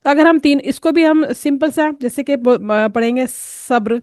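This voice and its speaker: A woman gives a patient tajweed lesson, sounding out each letter slowly and slipping English words into her explanations. Her voice sits a little high. It is recorded close and dry, with no room sound. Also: a little mellow, dry recording. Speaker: Quran recitation teacher.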